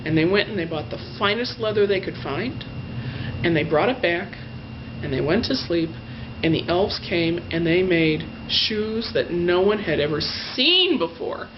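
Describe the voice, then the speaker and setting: Her voice is lowish and expressive as she narrates a fairy tale in her own words, lingering gushingly on each descriptive word. The sound is dull and lo-fi, carrying a little background noise.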